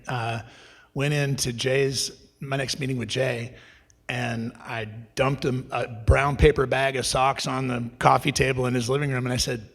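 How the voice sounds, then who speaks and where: Man in his middle years, swinging from quiet asides to excited bursts as he retells his start-up story, mid-range voice. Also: medium pitch, vocal fry, breathy edge. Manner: animated, restarts, acts out quoted dialogue. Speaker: entrepreneur guest. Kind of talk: conversational storytelling at a live event.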